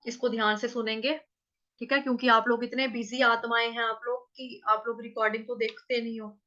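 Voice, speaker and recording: A woman teaching verse pronunciation in an online class, patiently sounding out each syllable slowly. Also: on the high side, little pitch movement, bright, forceful tone, lo-fi sound. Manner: patient, drawn-out syllable-by-syllable demonstration. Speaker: Sanskrit recitation teacher.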